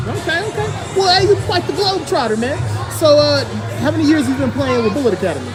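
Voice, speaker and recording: A woman with a slightly high voice runs quick, casual interviews at a youth football event, keeping things upbeat and slangy as she hypes up each player. She records outdoors, and a crowd chatters behind her while music plays clearly in the background. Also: big pitch swings. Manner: upbeat, slangy, hyping up the kids. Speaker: sideline interviewer.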